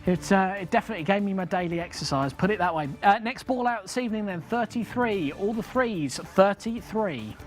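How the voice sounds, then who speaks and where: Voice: mid-range voice, quick pace, few pauses. A bingo caller hosting a live game show, chatting casually, repeating each number with its nickname and building suspense. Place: studio. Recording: music behind the voice.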